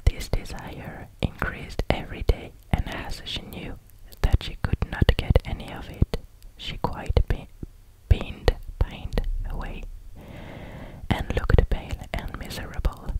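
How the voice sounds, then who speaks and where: A native French speaker with a French accent reading in a hushed, close ASMR whisper, carefully and a little haltingly. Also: rough recording. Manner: careful, halting over difficult English words. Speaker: ASMR reader. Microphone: close microphone.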